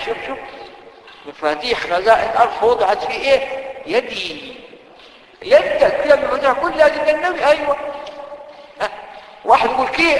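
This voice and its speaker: High-voiced Egyptian preacher in an echoing hall. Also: male voice, slight background noise. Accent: Egyptian Arabic. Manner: lively, rhetorical questions to listeners. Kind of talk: sermon. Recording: echoey hall with long reverb.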